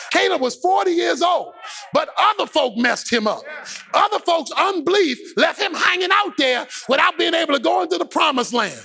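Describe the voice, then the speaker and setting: A man preaching a sermon with an impassioned, sing-song shouted cadence. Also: very high-pitched, vocal fry.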